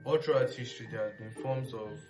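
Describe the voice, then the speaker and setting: A man with a Nigerian accent speaks as a panelist on a history discussion series, reflective and explanatory in a casual, educational discussion. His voice is medium-pitched and fairly quick, with music playing behind it.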